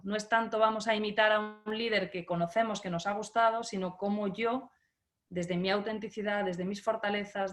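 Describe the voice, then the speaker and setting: A middle-aged leadership coach from Galicia, Spain answers interview questions on a video call. Her medium-pitched voice is measured and explanatory, with small restarts.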